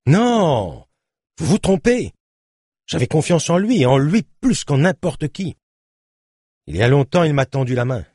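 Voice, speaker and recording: A man's voice: medium pitch, expressive, fairly quick, darkish tone, husky, no echo, clean studio sound, pitched above the performer's own voice. A man voicing a bitter male convicted killer who insists on his story in a protesting way.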